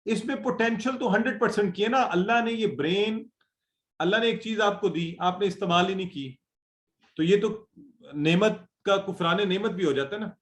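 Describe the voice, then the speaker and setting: A man teaching an Arabic grammar class, patiently and encouragingly, drilling words slowly and over again. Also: high-pitched, roomy sound.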